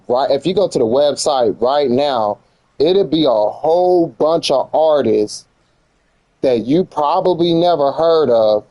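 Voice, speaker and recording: A live streamer from America chats casually through his commentary, using slang and repeating phrases for emphasis. His mid-range voice has a darkish tone, and the low-quality recording carries no room sound.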